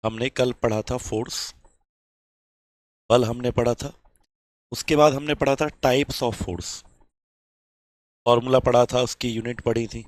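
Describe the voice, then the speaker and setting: A man's voice: medium pitch, fairly even intonation, unhurried, long pauses, no room sound. Chatty male Hindi science teacher. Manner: chatty, reads student comments aloud, calls students beta. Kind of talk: live online class.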